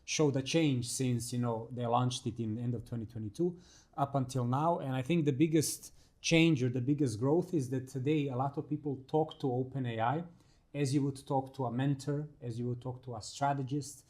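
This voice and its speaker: A man from Croatia co-hosts an interview podcast. He builds his questions out loud, getting animated as he goes. His pitch stays in an ordinary middle range. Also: normal speed. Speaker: podcast co-host. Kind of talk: conversational interview.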